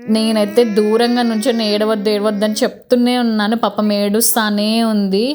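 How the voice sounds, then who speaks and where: A woman in her thirties with a Telugu accent, narrating a family vlog in a soft, explanatory way. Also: on the high side, level tone, moderate pace. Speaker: vlogger.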